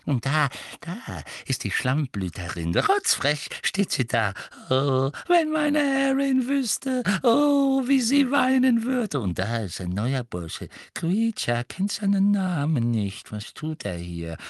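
A man voicing a bitter old male house-elf servant who mutters insults under his breath in a high, thin voice. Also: very animated, slow, few pauses, no echo, clean studio sound, heavily acted. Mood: muttering spite. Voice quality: muttering, wheedling, high and far-off. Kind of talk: audiobook character voice.

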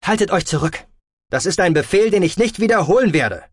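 A man's voice: fairly high pitch, expressive, moderate pace, no room sound, clean studio sound, voice pushed up. A man voicing a young, stern alien fleet commander who speaks curtly, in a German audiobook. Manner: curt and commanding.

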